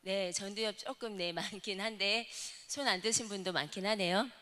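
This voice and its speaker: A woman deacon speaks at medium pitch and normal speed, her voice pushed and bright, as she explains things to a congregation and asks them questions along the way. The lecture takes place in a church worship hall, and the recording carries a long hall reverb.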